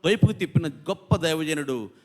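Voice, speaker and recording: High-voiced impassioned male pastor. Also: animated, brisk, darkish tone. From India. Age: 50s. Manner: impassioned preaching with repeated lists of words. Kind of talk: sermon. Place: church.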